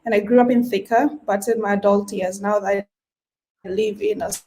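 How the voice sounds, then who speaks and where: A woman from Kenya, introducing herself as a panel guest in a measured way. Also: medium pitch, steady tone, dark tone, low-quality recording. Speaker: panel guest, travel blogger. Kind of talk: casual panel answer. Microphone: video call.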